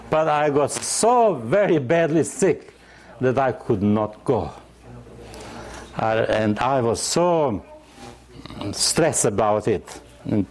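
An older man from Yugoslavia preaching a sermon, earnest, pausing to search for words and lifting his voice for scripture. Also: medium pitch, darkish tone.

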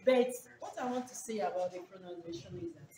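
A woman's voice: fairly low pitch, fairly quick, mellow. A woman with a Nigerian accent asking an enthusiastic, repetitive question at a university workshop. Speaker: workshop participant. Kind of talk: audience question. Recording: echoey hall, distant mic, noise.

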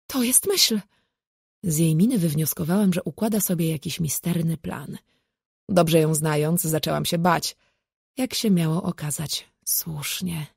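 Gravelly, husky woman narrating an audiobook. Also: low-pitched, steady tone, normal speed, darkish tone, no echo, studio quality. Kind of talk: first-person audiobook narration.

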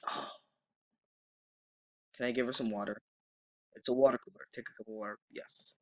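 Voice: mid-range voice, steady tone, normal speed, no echo, muffled recording. A young gamer commenting on their own play, anxious muttering broken by sudden outbursts. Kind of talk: game commentary.

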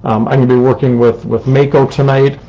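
A man's voice: mid-range voice, level tone, fairly quick, highs cut off. A man teaching a ceramics lesson on a live stream, chatty and explanatory, with lots of ums, talking at a desk microphone with a fan running in the room. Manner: chatty, explanatory, says um often. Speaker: ceramics instructor. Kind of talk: live-streamed craft demonstration. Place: indoor studio with a fan running. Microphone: desk microphone, sitting close.

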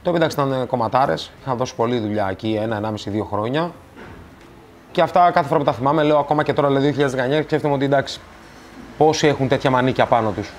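A man from Greece, a tattoo artist, telling stories in a casual interview and acting out the dialogue. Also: slight background noise. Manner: animated, acts out dialogue, rises in pitch when quoting.

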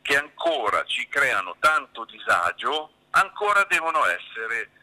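A man's voice: mid-range voice, very animated, measured pace, bright, forceful tone. A middle-aged man, a city councillor, heard on speakerphone during a live phone-in, explaining his points and stressing them by repeating them. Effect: on speakerphone over a phone line. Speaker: city councillor for public works.

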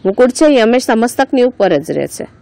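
A woman's voice: on the high side, very animated, brisk, vocal fry, dark tone, no echo, poor audio. A woman teacher with a Gujarati accent teaching a lesson. She reads each line aloud, then explains it word by word. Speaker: school teacher.

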